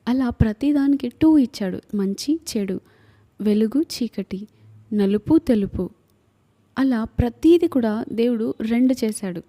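A woman's voice: a little high, lively intonation, measured pace, mellow. A woman with a Telugu accent, preaching an earnest sermon full of repeated lists and rhetorical questions.

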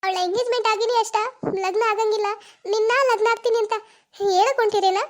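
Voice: fairly even intonation, a little fast. A voice actor playing a betrayed young village woman with a North Karnataka Kannada accent in a cartoon, sobbing and pleading. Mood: sobbing accusation. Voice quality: very high, sobbing pleas. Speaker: lover. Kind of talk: cartoon voice acting.

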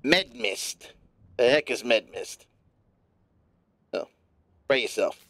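Man, gravelly put-on smoker's rasp, sharp forceful edge, profane rambling game commentary, live stream at night. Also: medium pitch, expressive, slow, no echo.

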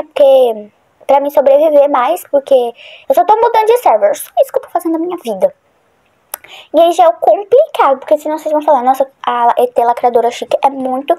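A woman's voice: high voice, a little mellow. A woman chatting casually through a horror game for her channel, rambling and easily startled. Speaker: gaming channel host. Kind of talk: casual gameplay commentary.

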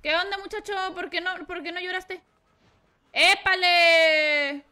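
A woman with a Mexican accent streaming a game live, excitable and swearing as she reacts to the play. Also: extremely high pitch, a little fast. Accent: Mexican Spanish. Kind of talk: live gameplay commentary.

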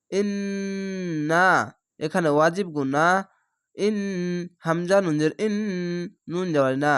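Male teacher, spelled-out recitation lesson; patient, methodical, clear resonant tone. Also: fairly high pitch. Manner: patient, spells each letter and vowel, then blends the syllables. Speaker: Quran reading teacher.

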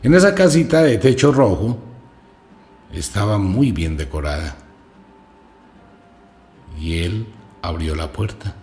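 A man, narrating a fable in a dramatic, animated way. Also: on the low side, takes it slowly, pauses often. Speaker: radio storyteller. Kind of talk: storytelling.

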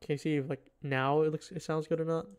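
Clear, smooth-voiced man, casual commentary. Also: a little high, level tone, quick pace, darkish tone. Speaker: livestream host, futures trader.

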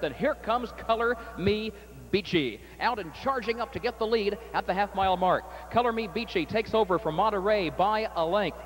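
A man calling a harness race as the track announcer, reading entries and calling the running order in crisp broadcast style. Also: high-pitched, rough recording. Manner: rapid crisp calling, rising excitement in stretch. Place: outdoor racetrack.

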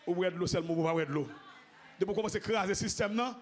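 A man preaching a sermon as pastor, repeating phrases and rising into shouted, half-sung exclamations. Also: high-pitched, fast. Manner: repetitive, call-and-response phrasing.

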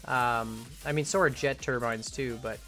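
This young streamer narrates a build from his home computer, drifting between thoughts and fixing his own words in a casual live-stream ramble. His voice is bright yet medium in pitch, fairly even and unhurried, and it's wearing thin into hoarseness. Soft music sits underneath.

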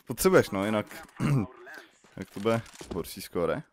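A man hosting a gaming channel, chatting casually while he plays, laughing and sometimes shouting. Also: lowish voice, very animated. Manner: playful, laughing, bursts of shouting.

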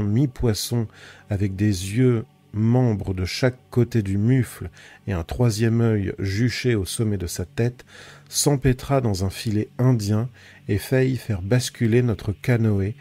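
A man reading an adventure novel aloud as an audiobook, with measured, dramatic storytelling. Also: on the low side. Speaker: audiobook reader. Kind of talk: scripted audiobook narration. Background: soft ambient music.

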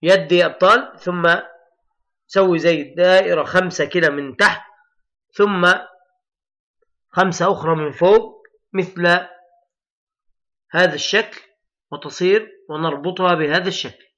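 A man teaching young children to read, sounding out letters and words slowly and emphatically while encouraging his pupils. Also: high voice, pushed and bright. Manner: addresses pupils as heroes, patient and encouraging. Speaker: primary school Arabic teacher. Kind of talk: recorded classroom lesson for young children.

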